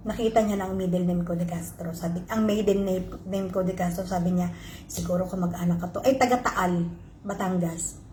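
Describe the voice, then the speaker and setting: A woman's voice: on the low side, steady tone, moderate pace, a little mellow, a little hiss or hum. A woman vlogger telling her viewers an emotional personal story, switching between Tagalog and English. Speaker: vlogger host. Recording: roomy echo.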